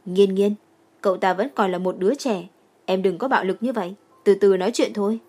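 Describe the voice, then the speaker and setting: A woman voicing a gentle older sister who speaks soothingly, in an audiobook. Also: mid-range voice, a little fast, natural voice.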